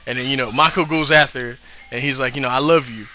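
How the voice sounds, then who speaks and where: A man's voice: mid-range voice, fairly even intonation, fast, sharp tone, a little hiss or hum. A man casually recapping an episode in a rambling, slangy way, swearing freely and often asking "you know what I mean?". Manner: profane, slangy. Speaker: show reviewer.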